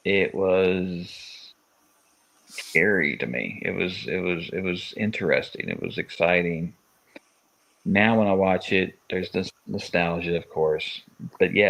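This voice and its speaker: The man speaks with a low pitch and fairly even intonation at a measured pace, his voice showing vocal fry and a fairly bright tone, on a rough recording. A forties-aged podcast co-host from Louisville, Kentucky, USA, he rambles in a casual live-stream chat, starting and stopping and restarting often.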